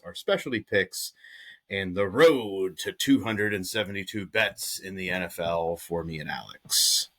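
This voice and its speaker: A man with a lowish voice hosts a sports betting podcast, his pitch swinging widely as he talks. He keeps the chat casual and playful, joking with his co-hosts. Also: a bit bright. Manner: playful, jokey banter with frequent laughs. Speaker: podcast host.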